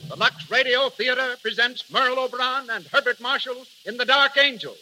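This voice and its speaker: A man's voice: extremely high pitch, normal speed, over loud music, poor audio. A man speaking as an old-time radio announcer, making formal, grand scripted introductions on a vintage 1930s broadcast. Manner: declamatory, grandly formal delivery.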